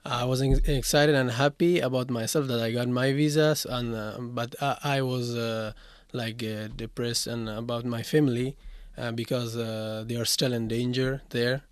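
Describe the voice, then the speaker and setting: A man in his twenties from Afghanistan, speaking English as an in an interview, halting with many fillers and restarts. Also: medium pitch, steady tone, smooth, dry recording. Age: 20s. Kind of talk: interview answers.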